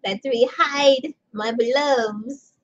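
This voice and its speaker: Taking it slowly in a high-pitched voice, a woman vlogs under bright indoor lights, chatting, laughing often and reading an article aloud in a rambling way. The recording is muffled.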